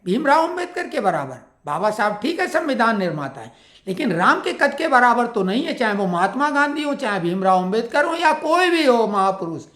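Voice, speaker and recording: A woman with a fairly high voice delivers an opinionated political monologue. She stacks up pointed rhetorical questions as she goes. Her voice rings with the echo of a roomy space. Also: very animated, brisk, a bit bright. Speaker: political commentator.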